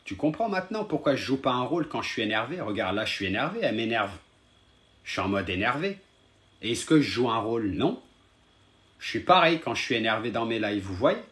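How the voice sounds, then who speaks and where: A man's voice: medium pitch, big pitch swings, brisk, fairly bright tone. A man streaming live and talking to his viewers, scolding them in a heated, repetitive way.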